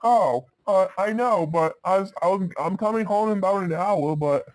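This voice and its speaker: A man's voice: sits high, moderate pace, no echo, voice pushed up, lightly acted, poor audio. A man voicing a reassuring working mother who comforts her son over the phone. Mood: soothing. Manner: soothing, comforting.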